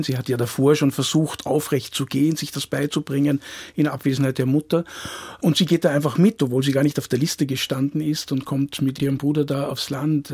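A man's voice: fairly high pitch, a little mellow, slightly rough. A man reviewing books on radio in a thoughtful way, often adding his own opinion. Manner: thoughtful, often adds "finde ich". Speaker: literary critic.

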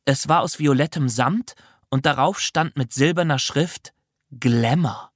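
A reader narrating a children's audiobook in an expressive, lively way. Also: mid-range voice, a little slow, no echo, studio quality.

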